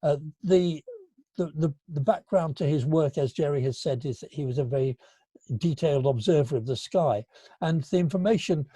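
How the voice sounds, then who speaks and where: A man in his seventies giving an illustrated lecture to an astronomy club, halting and full of fillers, with a dry, gentle humour. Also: fairly high pitch, husky, no room sound. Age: 70s. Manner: halting, with frequent fillers and restarts. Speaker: guest speaker at an astronomy club.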